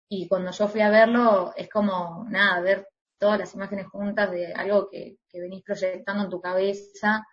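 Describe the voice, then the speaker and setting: A woman's voice: mid-range voice, dull audio. A woman singer with an Argentine Spanish accent, chatting casually as an interview guest, laughing often and using many fillers.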